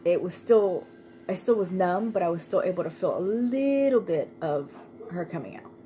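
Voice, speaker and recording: A woman's voice: on the low side, animated, moderate pace, dark tone, slight background noise, low-quality recording. A young woman vlogger telling a personal story in a casual, chatty way, laughing often and using lots of fillers.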